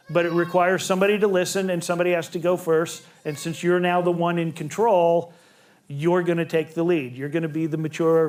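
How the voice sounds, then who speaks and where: A man presenting a family relationships seminar to a group, talking in a conversational way and acting out quoted lines. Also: sits high. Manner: conversational, acts out quoted dialogue. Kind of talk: seminar talk to a live group.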